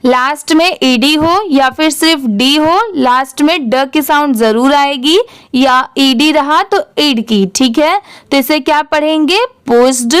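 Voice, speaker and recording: A woman teaching English reading, spelling out words letter by letter in a slow, patient way and often asking and then answering her own questions. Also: high-pitched, no echo, clean studio sound.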